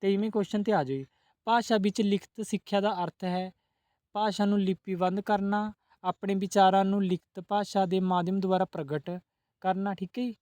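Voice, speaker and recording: High-voiced man teaching exam questions. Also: fairly even intonation, normal speed, darkish tone, no room sound. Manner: repeats set phrases with polite ji, asks then answers. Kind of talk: exam-prep lesson.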